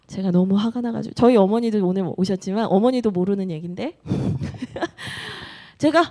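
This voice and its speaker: A woman's voice: medium pitch, measured pace, dark tone. A woman in her thirties, a pastor preaching a sermon in a church and telling a personal story with playful quoted dialogue. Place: church sanctuary.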